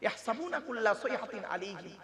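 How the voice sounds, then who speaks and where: A male preacher delivering a sermon at a religious gathering, dramatic and swinging between loud calls and hushed asides, often asking the crowd rhetorical questions. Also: high voice, animated, fast talker. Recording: long reverb with crowd noise. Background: audience murmur.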